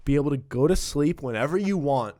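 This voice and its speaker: Slangy young man with a higher-pitched voice. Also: expressive, brisk, warm tone. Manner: slangy, rambling, hedging with "like" and "dude". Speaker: podcast host. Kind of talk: casual podcast banter.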